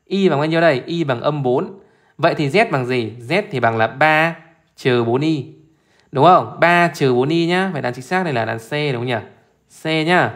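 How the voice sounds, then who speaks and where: Brisk man checking in as he teaches. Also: on the high side, fairly bright tone. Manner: keeps checking in with listeners, repeating short questions; brisk, chatty, informal teaching talk. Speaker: math teacher. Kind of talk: live exam solution walkthrough.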